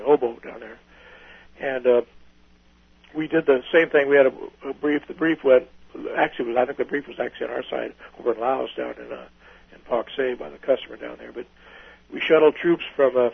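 Older guy rambling thru old pilot stories, gravelly and a bit husky, dry phone-line sound. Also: medium pitch, dry recording. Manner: folksy, rambling storyteller with many restarts. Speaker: retired pilot interviewee. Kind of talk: oral history recollection.

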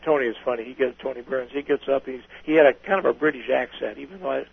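Older guy rambling thru old pilot stories, gravelly and a bit husky, dry phone-line sound. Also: mid-range voice, steady tone, fast. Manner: folksy, rambling storyteller with many restarts. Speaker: retired pilot interviewee. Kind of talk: oral history recollection.

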